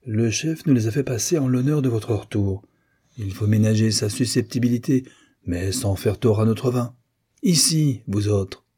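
A man's voice: lowish voice, moderate pace, warm tone, slightly rough. A man voicing a hot-tempered older navy admiral in an audiobook, blustering and scolding. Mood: jovial. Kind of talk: audiobook character reading.

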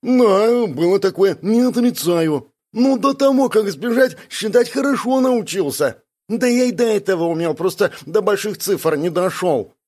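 A man voicing a brash, hot-tempered male brawler who shouts and boasts. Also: sits high, animated, a little slow, pitched above the performer's own voice. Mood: boastful. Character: brash loud male brawler buddy, touchy.

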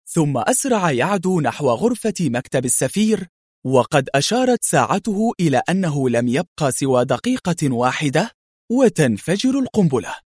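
A man reading a thriller story aloud with dramatic, expressive narration. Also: on the high side, moderate pace, slightly rough, no room sound, studio quality.

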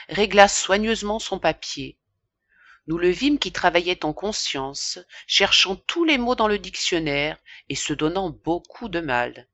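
A woman narrating a classic novel as an audiobook, in a measured, expressive reading. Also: lowish voice, dry recording, lo-fi sound. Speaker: audiobook reader.

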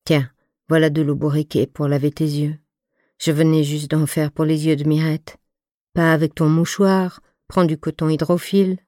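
A woman reading the part of a stern but motherly fifty-two-year-old friend, speaking in an even, soft, deep voice. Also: normal speed, no echo, clean studio sound, natural voice. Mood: tendre. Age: 50s. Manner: voix égale et douce; ton de voix profond. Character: femme de cinquante-deux ans, amie sévère et maternelle. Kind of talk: scripted audiobook reading.

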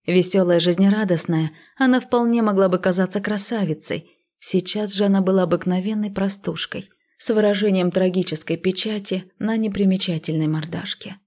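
A woman reading a fantasy audiobook in the first person, lively and gently ironic. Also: mid-range voice, normal speed. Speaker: audiobook narrator.

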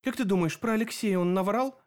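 A man's voice: high-pitched, a little fast, darkish tone, voice pushed up, close to an everyday voice. A man voicing a firm, curious young woman, the heroine who tells the story. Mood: earnest.

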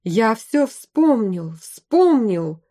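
A woman's voice: fairly high pitch, big pitch swings, drawn-out words, full character voice. A woman voicing a friendly young bearded craftsman who has lost his memory. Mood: overjoyed. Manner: warm hospitable greetings.

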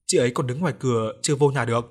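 A man voicing a young girl who can see ghosts, speaking calmly and plainly. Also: medium pitch, very fast, natural voice.

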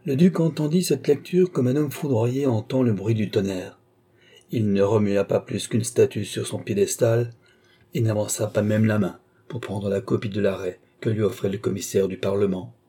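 A man narrating a classic novel as an audiobook in a measured, steady way. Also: on the low side, husky.

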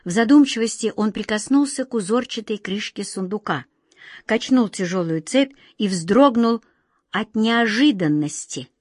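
Expressive woman reading a fairy tale. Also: mid-range voice, dry recording, studio quality. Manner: expressive storytelling. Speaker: narrator.

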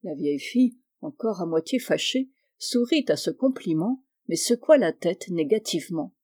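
A woman narrating an audiobook of a classic novel in a measured, expressive storytelling manner. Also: fairly low pitch. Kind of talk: audiobook reading.

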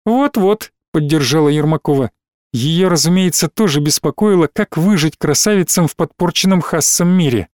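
A man's voice: a little high, moderate pace, a little mellow, no echo. Man narrating a story in a dry, close voice. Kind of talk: scripted audiobook narration.

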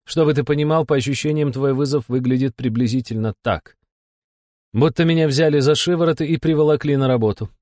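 A man voicing a weary, sarcastic female demon supervisor with a husky, irritated voice. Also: medium pitch, fairly quick, darkish tone, no echo, clean studio sound, pitched above the performer's own voice, close to an everyday voice. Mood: irritated mocking. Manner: irritated, mocking, drawling. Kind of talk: audiobook character voice.

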